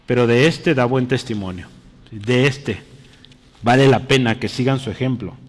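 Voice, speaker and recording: A man's voice: medium pitch, normal speed. A man preaching an interactive sermon, often checking in with the congregation and calling them brother. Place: church. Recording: reverberant church hall.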